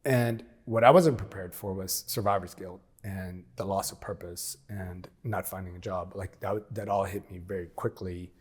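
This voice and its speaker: A man's voice: low-pitched, fairly even intonation, normal speed, hardly any pauses, breathy edge. A man in his forties telling his story as an interview guest, frank and plain-spoken, often acting out past conversations. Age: 40s. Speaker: interview guest, former military operator.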